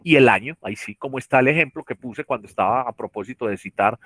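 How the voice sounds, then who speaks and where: A man's voice: medium pitch, fast, a bit bright, slightly rough, dry recording. A man with a Colombian accent giving a lecture in an online class, explaining step by step with many restarts and checking questions. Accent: Colombian Spanish. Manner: explanatory, repeats tag questions, frequent restarts. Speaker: teacher. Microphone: computer mic on a video call.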